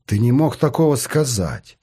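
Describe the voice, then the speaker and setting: A man voicing an indignant young wife who speaks sharply, with a husky voice. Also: mid-range voice, expressive, moderate pace, warm tone, voice pushed down.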